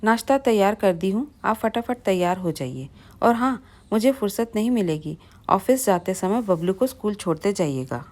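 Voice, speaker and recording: A selfish young wife who gives curt orders without pity, read by a woman. The storybook delivery stays at a middling pitch, brisk and commanding. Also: expressive, a little mellow, natural voice. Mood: bossy. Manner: bossy, curt. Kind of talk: storybook reading.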